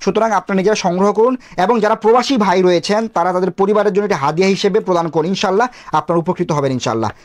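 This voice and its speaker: A man presenting a product, explaining each feature step by step while pointing at the page and slowly sounding out recitation examples. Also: high-pitched. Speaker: bookshop presenter. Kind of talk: product demonstration.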